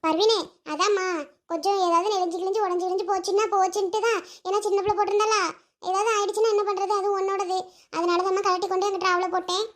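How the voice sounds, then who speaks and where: A woman voicing a soft-spoken young woman in a cartoon, explaining things mildly. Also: extremely high pitch, level tone, quick pace. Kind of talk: cartoon voice acting.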